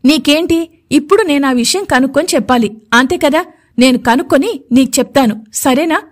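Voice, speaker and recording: A woman voicing a patient older brother who speaks calmly and tries to placate his sister. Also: high-pitched, moderate pace, close to an everyday voice. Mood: placating. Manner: calm, placating.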